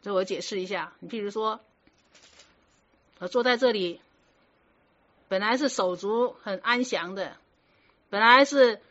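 A Buddhist teacher with a fairly high, slightly bright voice gives a dharma talk, firmly instructing her students in a conversational way. She checks their understanding with rhetorical questions as she explains, and the recording is muffled and lo-fi.

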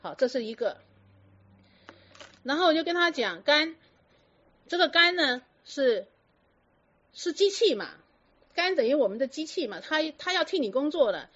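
Higher-voiced woman lecturing with questions. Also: moderate pace, pauses often. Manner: lively, lecturing, rhetorical questions. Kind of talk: storytelling talk to an audience. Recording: dull lo-fi recording.

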